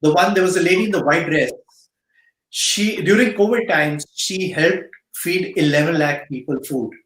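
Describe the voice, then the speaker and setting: A man's voice: on the high side, normal speed, fairly bright tone, a little hiss or hum. A middle-aged man with an Indian accent, speaking earnestly as an interview guest and repeating phrases for emphasis. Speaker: guest speaker, cancer patient support volunteer. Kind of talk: earnest interview answers and motivational advice to youth. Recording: roomy, echoing sound.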